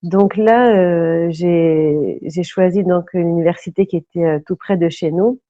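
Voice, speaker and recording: Speaking at a measured pace, a woman in her thirties from Brittany, whose first language is French, recounts her story in a casual interview. Her voice is low and mellow, earnest and reflective, with frequent stops to search for words. The sound is lo-fi and dull, dry and close with no echo.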